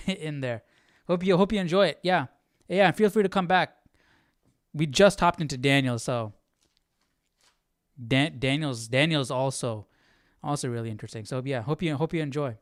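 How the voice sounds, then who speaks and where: A man hosts a livestream Bible study, chatting informally and thinking aloud as he comments on the text. His medium-pitched voice moves at a moderate pace, recorded with studio quality and no room sound.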